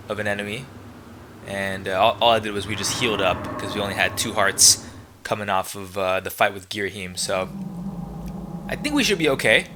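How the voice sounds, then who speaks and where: Thinking aloud and reacting as he plays, a man gives casual let's play commentary and reads game dialogue aloud. His voice sits on the low side, with video game music playing behind it over a noisy background.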